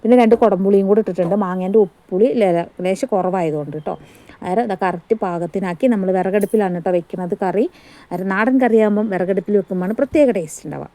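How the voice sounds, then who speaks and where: A Malayali woman narrates her home cooking in a rapid, chatty stream, often tagging her sentences with a friendly "kettō". Her voice is mellow and darker in tone. She is recorded on a phone standing a little way off in her kitchen. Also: mid-range voice. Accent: Malayali, Kerala. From India. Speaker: family vlogger. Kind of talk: casual cooking vlog narration. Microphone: phone front camera on a stand, some distance away.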